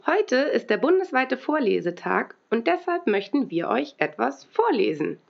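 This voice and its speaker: Woman reading a kids' book aloud, pitch bounces all over, dull lo-fi sound. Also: normal speed, vocal fry. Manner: lively, expressive storytelling. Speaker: school librarian reading aloud. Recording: dull lo-fi recording.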